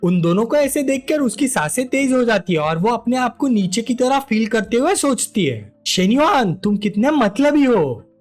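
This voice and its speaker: Recap narrator, brisk scripted narration, animated pitch, faint background music. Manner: brisk storytelling.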